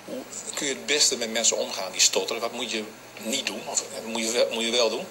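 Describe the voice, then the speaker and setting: A man conducts a radio interview on location, firing off short, direct questions at a quick clip. A faint hiss of background noise sits under his voice. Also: medium pitch, steady tone. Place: café.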